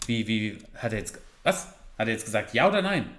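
A man with speech giving exasperated, animated commentary while reacting to a video. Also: lowish voice, a little fast. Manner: exasperated, animated, swears and laughs.

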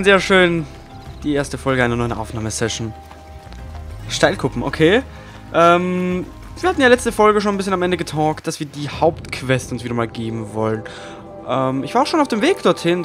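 A man with a high, very lively voice talks through his game session, excitable and prone to swearing. He drifts between muttered remarks and sudden loud outbursts. Game music plays clearly behind him. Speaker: let's play gamer. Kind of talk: casual gameplay commentary.

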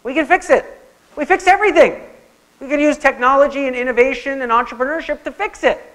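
A man's voice: a little high, brisk, natural voice, poor audio. A man voicing an overconfident male tech entrepreneur who brags that technology can fix anything. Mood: boastful. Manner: boastful, rising with excitement.

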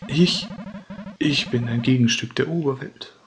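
A man reading game dialogue aloud for a mysterious male voice, the hero's counterpart, slowly and evenly. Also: medium pitch, lightly acted. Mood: solemn. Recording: game music behind.

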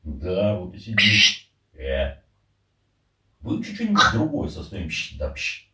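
A man's voice: sits low, sing-song, takes it slowly, sharp tone. A man casually teasing his pet in short, bantering remarks. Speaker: parrot owner. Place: indoor room at home. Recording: roomy, distant microphone.

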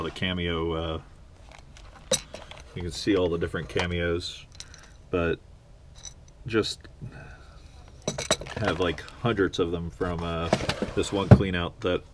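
Slow, deep-voiced man, rambling. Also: heavy background noise. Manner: rambling, hesitant, many fillers. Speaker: online reseller. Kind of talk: casual tour narration. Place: small home workroom. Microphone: head-mounted action camera.

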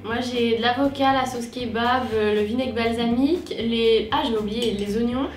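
Woman, 20s, casual contestant, short offhand remarks, music clearly behind an echoey room recording. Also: a little high, fairly even intonation, moderate pace. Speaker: challenge contestant. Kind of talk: casual chat. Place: living room, indoors.

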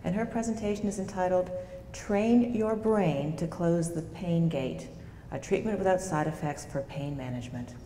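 A woman announcing the next competitor in a formal, measured way. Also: mellow. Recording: distant, echoing hall with faint rumble.

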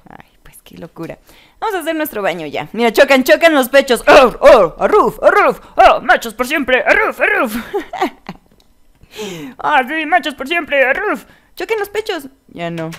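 A woman's voice: on the low side, smooth. A woman giving casual, chatty gameplay commentary and playfully talking to her in-game pets. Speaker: let's play gamer.

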